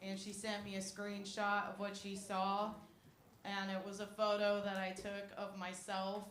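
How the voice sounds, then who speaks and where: A young woman performing a stand-up comedy set in a comedy club, with a deadpan, self-mocking delivery on a handheld mic. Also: mid-range voice, a little slow. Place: comedy club stage with audience. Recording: echoey room with audience noise.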